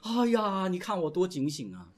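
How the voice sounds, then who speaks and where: A man's voice: high voice, very animated, moderate pace. A man voicing an anxious male churchgoer who frets constantly about being attacked, with whiny sighing exclamations. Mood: fretful.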